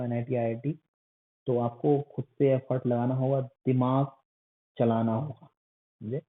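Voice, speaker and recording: A man's voice: medium pitch, slight background noise. A male math teacher giving an online lecture, in terms, coaxing and scolding his students like a strict elder. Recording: phone-like lo-fi recording.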